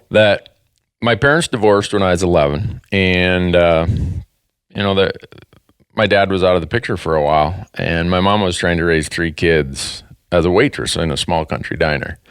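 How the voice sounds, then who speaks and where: A man's voice: low-pitched, moderate pace, clean tone, dry recording, studio quality. A man in his fifties with a Minnesota accent, hosting a podcast and telling stories in an earnest way, often restarting his sentences. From northern Minnesota. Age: 50s. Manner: earnest, storytelling, with frequent restarts. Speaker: podcast host. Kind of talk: casual conversation.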